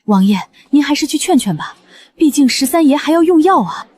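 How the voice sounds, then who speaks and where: A woman's voice: sits high, lively intonation, a little fast, a little mellow. An actress playing a dutiful palace maid reporting respectfully to her master. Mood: urgent. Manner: deferential, reporting. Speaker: servant.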